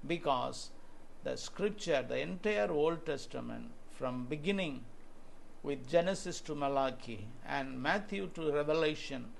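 A man's voice: on the high side, lively intonation, unhurried, creaky, slight background noise. A man in his sixties with an Indian English accent preaching earnestly to camera in a small room, quoting scripture. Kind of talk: home video sermon.

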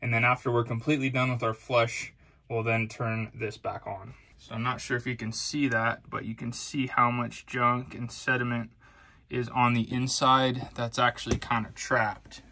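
A man's voice: medium pitch, flat delivery, moderate pace, bright, forceful tone. A man hosting a do-it-yourself video, casually explaining each step of a repair in a basement utility room. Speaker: DIY HVAC video host. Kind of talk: casual how-to demonstration.

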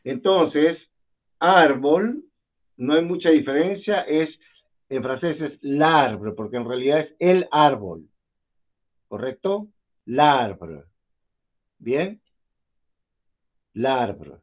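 A man's voice: a little high, animated, measured pace. Male teacher on a tinny video call. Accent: Peruvian Spanish. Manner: patient, repeats words, asks students questions. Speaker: French teacher. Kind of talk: online class teaching. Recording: phone-like video call audio.

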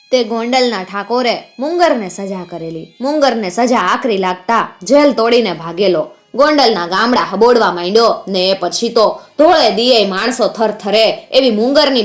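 A woman storyteller, narrating a dramatic folk tale in a vivid, rhythmic way. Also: medium pitch. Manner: vivid, rhythmic telling with recited couplets.

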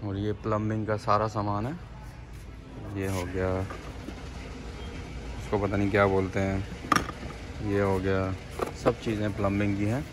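Man from Pakistan, 30s, casual store-tour vlogger, low even voice, rambling with fillers, loud music under him. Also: measured pace, pauses often. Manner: loose, rambling, thinks aloud with fillers. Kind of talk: casual walking-tour vlog. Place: big-box hardware store, indoors, then outdoor parking lot. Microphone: phone held by the walker, then at arm's length.

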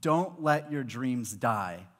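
Speaking slowly in a mid-range voice, this man from Malawi, a high school pastor in his thirties, delivers a sermon through a headset mic to an audience in a large church auditorium. He brings his stories alive by voicing the characters, and the hall adds a long reverb.

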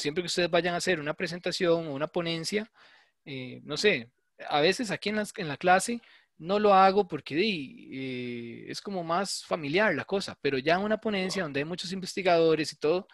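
Fairly high-voiced man lecturing. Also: moderate pace, a bit bright, no echo, studio quality. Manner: conversational, explains with frequent "¿verdad?" checks. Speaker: university lecturer. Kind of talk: online class lecture.

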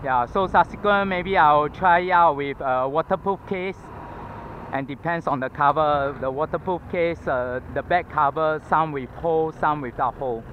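A Singaporean man vlogs from his scooter on a city roadside pavement, chatting casually in Singaporean English, thinking aloud with fillers and slightly out of breath. His voice is fairly high and moves at normal speed. Lo-fi audio from a head-mounted action camera mic picks up passing traffic.

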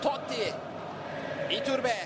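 A man commentating live on a football match in short, clipped phrases with an excited, raised voice. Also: very high-pitched, slow pace. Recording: loud stadium crowd noise behind voice. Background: roaring football crowd.

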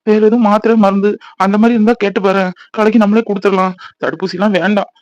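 A man's voice: high-pitched, fairly even intonation, fast, no room sound, highs cut off, close to an everyday voice. A man voicing a tearful, fretful young father. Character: soft-hearted young father who cries easily. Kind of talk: cartoon voice acting.

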